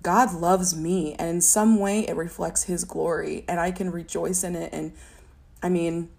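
A young woman giving a personal testimony in an interview, talking in a halting, reflective way with many fillers and a stutter. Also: lowish voice, fairly even intonation, creaky, darkish tone. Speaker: interview guest.

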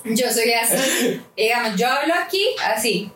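Woman, podcast co-host, casual storytelling, acts out voices with big jumps in pitch, fairly high voice, echoey room, distant mic, faint noise. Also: expressive, a little slow, a bit bright. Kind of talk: casual chat, animated storytelling.

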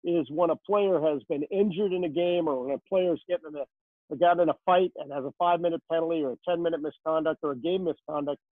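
A man's voice: fairly high pitch, fast, dry recording. A man who works as a rinkside hockey reporter answers interview questions in a chatty, storytelling way, full of "uh" fillers. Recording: tinny phone line.

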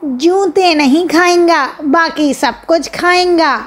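A woman voicing a cheeky young girl faking a trance, in a nasal voice with drawn-out answers. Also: very high-pitched, pitched above the performer's own voice.

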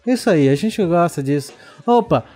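Brazilian guy, slightly high voice, sarcastic profane rant, faint music underneath. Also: animated, normal speed, mellow. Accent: Brazilian Portuguese. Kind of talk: casual ranting chat.

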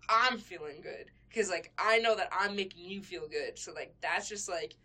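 A woman's voice: on the low side, moderate pace, pushed and bright. A young woman co-hosting a casual podcast, rambling with lots of fillers and restarts, laughing often. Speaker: podcast co-host. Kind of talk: casual chat.

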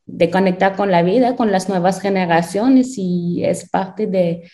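A woman's voice: mid-range voice, unhurried, dark tone. A woman guest on a panel, answering thoughtfully with frequent laughter and many restarts.

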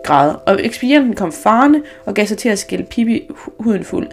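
A woman reading a children's story aloud, unhurried, with small restarts. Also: medium pitch, lively intonation, creaky, soft background music.

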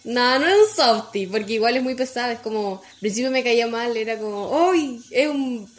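A woman co-hosts a relaxed podcast. Her voice sits fairly high and she speaks softly. She lays things out calmly and without hurry. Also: normal speed. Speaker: podcast co-host. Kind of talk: casual chat.

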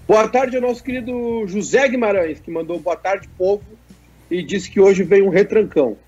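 A man's voice: high-pitched, normal speed, a little mellow, breathy edge, highs cut off. A man, co-hosting a casual sports chat and reading viewer messages in a joking way. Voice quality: nasal. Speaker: co-host.

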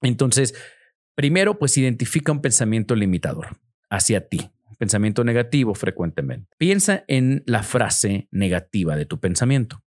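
A man gives a motivational self-help talk as a podcast host. He speaks in an animated way, his pitch swinging widely as he acts out the voices in a listener's head. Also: normal speed.

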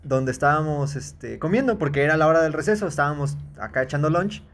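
A man's voice: fairly high pitch, animated, a little fast, fairly bright tone. A young man with a Mexican accent, chatting casually with slangy banter. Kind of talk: casual chat.

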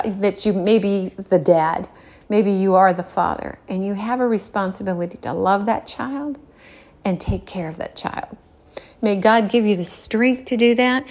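A middle-aged woman giving a gentle, earnest devotional talk about a childhood memory and faith, often pausing and restarting. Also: medium pitch. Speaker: devotional speaker.

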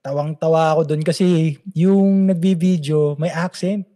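Podcast host, thirties man, lively storyteller with a warm, higher voice. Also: unhurried. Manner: animated storyteller, laughs often. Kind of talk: casual chat.

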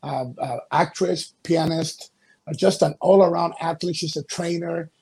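A middle-aged man from Ecuador, a wrestling promoter and pastor, answering interview questions in a halting way with many fillers. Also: fairly high pitch, fairly even intonation, a little mellow, slightly rough.

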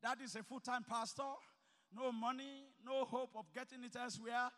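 A man preaching in a very high, bright voice that rings with a long hall reverb. He is emphatic, dropping to quiet asides and then rising to loud exhortation. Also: fairly even intonation, normal speed. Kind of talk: sermon to students.

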